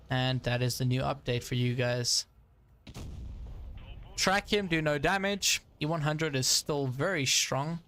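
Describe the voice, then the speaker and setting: A young gaming streamer gives casual live commentary while playing a tank game, chatty and full of fillers and frustrated asides. His voice is on the high side with a fairly bright tone.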